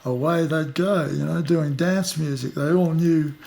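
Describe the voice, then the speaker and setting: A man in his fifties with an Australian accent, talking in an unhurried, reflective way as an interviewee, often trailing into fillers. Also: on the high side, creaky, darkish tone. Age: 50s. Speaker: musician interviewee. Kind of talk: casual interview. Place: outdoors at the back of a house, rainy day.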